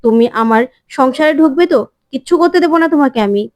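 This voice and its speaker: This is a storybook-style mother-in-law, middle-aged and bitter, read out by a woman narrator. She sounds accusing and high, and her pitch climbs as she presses her blame. The sound is dry and close. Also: fairly quick, a little mellow, no echo, close to an everyday voice.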